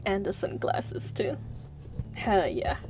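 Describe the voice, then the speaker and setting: A woman's voice: medium pitch, sing-song, slow. A woman livestreaming a game in a playful, giggly manner, chatting to viewers and exclaiming in mock scolding. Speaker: live streamer. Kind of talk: chatty game livestream, thanking viewers and reading story text aloud. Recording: music playing behind the voice. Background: music.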